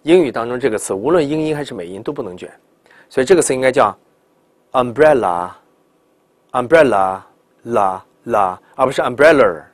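A middle-aged man teaches English pronunciation with a lively, swinging voice, stretching words out slowly as he demonstrates them. He peppers the class with rhetorical questions. The sound is dry and close to the mic. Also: mid-range voice, no echo. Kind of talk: classroom lecture.

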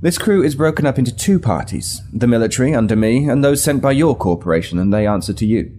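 In an audio drama, a male actor voices a weary yet resolute military starship captain, speaking in a measured, formal, authoritative and direct way. His medium-pitched voice is natural, warm and animated, with slight background noise.

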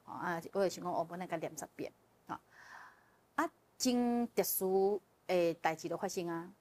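A woman as a guest telling a personal story in casual chat, animated and often laughing as she relives the emotion. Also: fairly low pitch, moderate pace. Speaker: guest sharing a personal testimony.

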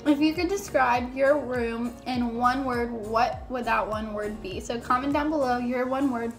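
High-voiced young woman, chatty vlogger. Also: unhurried. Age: young adult. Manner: chatty, filler-heavy with frequent "like". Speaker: YouTuber. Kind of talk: casual chit-chat vlog to viewers. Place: small bedroom, indoors. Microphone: phone at arm's length. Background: background music.

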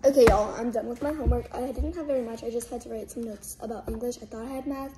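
High-voiced teen girl vlogging. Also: background noise. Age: teens. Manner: chatty, filler-heavy, upbeat. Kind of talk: casual vlog narration. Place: conference room at a table.

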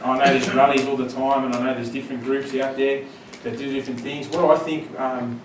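This is a conference panel answer from a Syria-born man in his thirties, holding a mic as he stands before the panel in a large lecture room. He talks fairly quickly in a level, mid-range voice, loosely with many fillers before gaining force. The audio is echoey and distant, with noticeable room noise.

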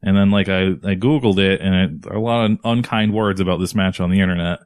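Man, very deep voice, dry close sound, casual podcast co-host, rambling, swears a lot, laughs often. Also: steady tone, fast, no room sound.

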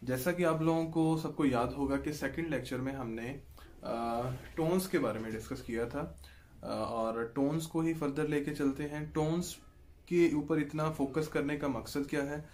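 A man's voice: on the high side, normal speed, darkish tone. Patient man teaching in Urdu accent. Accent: Pakistani Urdu. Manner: patient, repeats "ठीक है जी" to check in, draws out example sounds. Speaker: language teacher. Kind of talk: explanatory online lesson.

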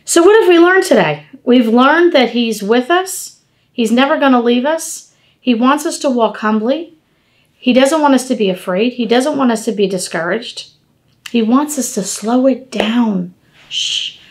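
Animated woman giving a home devotional. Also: fairly high pitch, a little slow. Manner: animated, gesturing, conversational preaching. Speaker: devotional podcast host. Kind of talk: informal devotional talk. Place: home dining room, indoors.

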